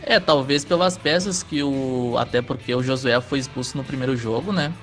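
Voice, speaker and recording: A man with a gaúcho accent talking casually about sport in a relaxed conversation. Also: medium pitch, moderate pace. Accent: southern Brazilian, gaúcho. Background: music under the talk.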